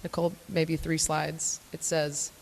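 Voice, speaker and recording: A young woman speaks casually to a live audience, her voice sitting a little low. She rambles in a chatty, self-deprecating way, sprinkling in plenty of ums. Her voice trails off into a long echo around a large event hall. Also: little pitch movement, a little slow, gravelly, a little mellow, a little hiss or hum. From Florida, United States. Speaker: guest speaker at a morning talk event. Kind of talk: conversational live talk to an audience.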